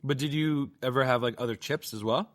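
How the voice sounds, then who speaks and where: A man's voice: medium pitch, brisk. A man in his forties co-hosting a podcast, chatting casually, laughing often and swearing playfully. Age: 40s. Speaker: podcast co-host. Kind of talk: casual chat.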